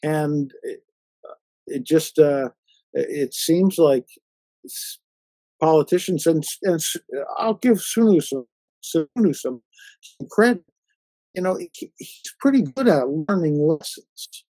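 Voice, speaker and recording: A man hosting a conversational interview, talking haltingly with many fillers and restarts. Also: fairly high pitch, animated, dark tone, no echo, poor audio. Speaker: interview host.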